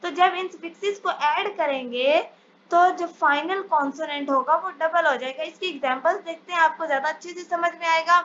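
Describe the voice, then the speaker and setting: A woman teaching English spelling rules in a step-by-step lesson, reading each English rule out slowly before explaining it. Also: extremely high pitch, a bit bright. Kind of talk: spelling lesson over slides. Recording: dull lo-fi sound, faint hiss.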